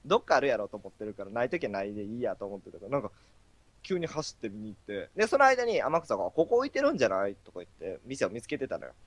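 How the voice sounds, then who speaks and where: A man's voice: lowish voice, very animated, fast talker, dry recording. A man co-hosting a casual stream, a chatty storyteller who acts out quotes. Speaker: stream co-host.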